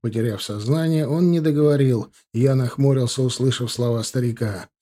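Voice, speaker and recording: Male narrator, audiobook, first-person crime story, mellow dark voice, slightly husky, steady. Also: mid-range voice, moderate pace.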